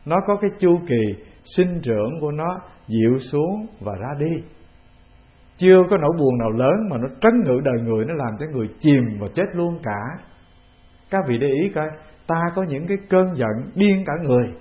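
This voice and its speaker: A man with a Vietnamese accent, a Buddhist monk giving a calm, measured dharma talk, often putting questions to the assembly. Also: a little high. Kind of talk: sermon. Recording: tinny phone-like lo-fi recording.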